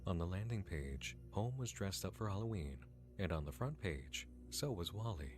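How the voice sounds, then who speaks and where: Low-voiced male documentary narrator. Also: very animated, normal speed, music in the background. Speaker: video essay narrator. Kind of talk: scripted narration.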